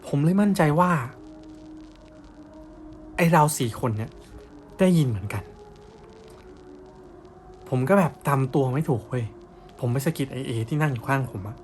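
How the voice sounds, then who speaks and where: A man's voice: mid-range voice, lively intonation, a little slow, pauses often, darkish tone, soft background music. A young man telling a ghost story in blunt, casual, slangy talk.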